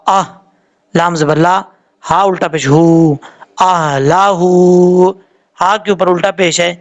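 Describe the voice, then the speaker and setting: A man, a Quran tajweed teacher giving a patient, step-by-step recitation lesson and repeating each sound. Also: sits high.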